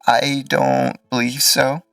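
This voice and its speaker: Male tabletop game master: hesitant, unhurried, fry-edged, close and dry. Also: mid-range voice, flat delivery, a bit bright, no echo, far from the mic, soft background music. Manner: hesitant, halting delivery. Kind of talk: improvised tabletop game narration.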